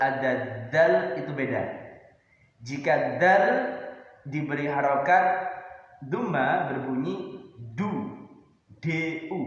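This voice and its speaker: Slow echoey male teacher chanting recitation. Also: mid-range voice. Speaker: religious education teacher. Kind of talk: online recitation lesson. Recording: echoey lo-fi room recording.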